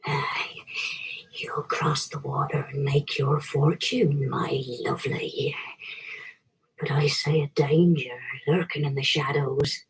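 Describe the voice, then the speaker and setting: Woman playing a slow, low-voiced ominous fortune teller. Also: little pitch movement, rough recording. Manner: fortune teller's hushed, portentous prophesying.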